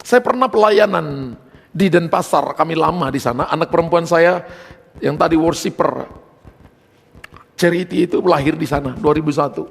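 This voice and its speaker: A man's voice: on the high side, moderate pace, gravelly, long pauses, breathy edge. A man preaching a sermon as pastor, telling a personal testimony emphatically and addressing the congregation directly. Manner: emphatic storytelling, addressing listeners as brothers. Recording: long hall reverb.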